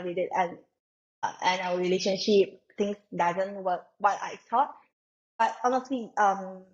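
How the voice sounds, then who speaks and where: This medium-pitched recording, with its high frequencies cut off, captures a young adult woman from Malaysia. She is a podcast guest in a relaxed conversational interview, musing aloud in a meandering way full of filler words.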